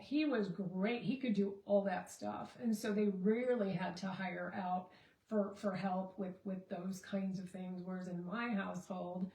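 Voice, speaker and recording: A woman's voice: mid-range voice, darkish tone. Rambling woman coach in an echoey room. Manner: conversational, rambling with many fillers and restarts. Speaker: relationship and marriage coach. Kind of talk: casual Facebook Live talk.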